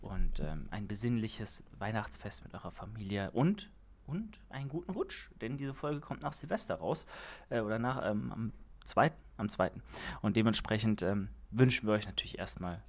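A man's voice: fairly low pitch, expressive, normal speed. A young man chatting on a casual podcast. He rambles and restarts his sentences, filling the gaps with hesitations. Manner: rambling, many fillers and restarts. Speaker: podcast co-host.

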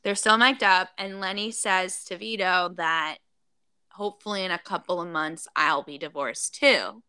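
Chatty woman with a bright voice. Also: on the low side, normal speed, clear, resonant tone, dry recording. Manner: chatty, recounting with many fillers. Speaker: podcast co-host. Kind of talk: casual gossip chat.

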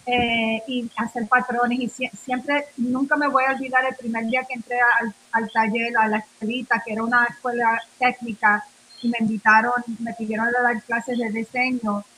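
A slightly high, sharp female voice speaks at normal speed with flat delivery, on a low-quality recording with slight background noise. The Nuyorican speaker, a New Yorker of Puerto Rican family, is a radio interview guest recounting her story casually in rambling Spanish full of fillers, restarts and English words.

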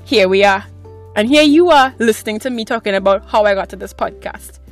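A woman's voice: mid-range voice, fairly quick, soft background music. A woman in her twenties hosting her own podcast from a closet at home, talking in a chatty, rambling, self-mocking way. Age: 20s. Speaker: podcast host. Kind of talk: casual solo podcast chat. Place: small clothes closet at home.

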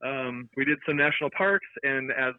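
A man's voice: mid-range voice, moderate pace, clear, resonant tone, no room sound. Man talking over a phone line. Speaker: worship leader and pastor. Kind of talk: casual chat. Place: his home. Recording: tinny phone line, dry.

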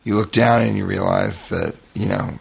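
A man's voice: sits low, expressive, moderate pace, vocal fry, slightly rough. A man co-hosting a live comedy podcast in front of an audience, riffing crude absurd bits with mock indignation. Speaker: podcast co-host. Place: hotel room with live audience.

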